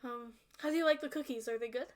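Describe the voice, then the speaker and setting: A woman's voice: high voice, fast, pitched above the performer's own voice, close to an everyday voice. Woman putting on a cheerful troll baker. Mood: eager friendly. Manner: eager, friendly shopkeeper talk. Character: cheerful one-armed green male troll baker.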